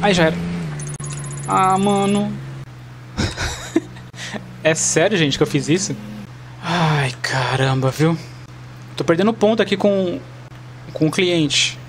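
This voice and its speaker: A man with a Brazilian Portuguese accent giving chatty, excitable gameplay commentary to his viewers. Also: high-pitched, slow pace, pauses often, a little hiss or hum. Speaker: gaming channel host. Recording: loud car and game sounds behind.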